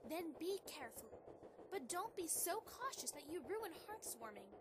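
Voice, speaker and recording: A woman's voice: extremely high pitch, big pitch swings, normal speed. A woman playing an affectionate, playful young married pony princess in an amateur audio drama, earnest and sweetly coaxing. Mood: earnest, reassuring. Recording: clearly noisy amateur microphone recording.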